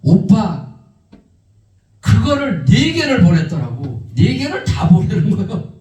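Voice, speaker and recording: In a church sanctuary, a male pastor recounts a testimony from the pulpit, his voice high and his pace slow. He animatedly acts out the quoted voices of those in the story, and the distant mic catches plenty of hall echo.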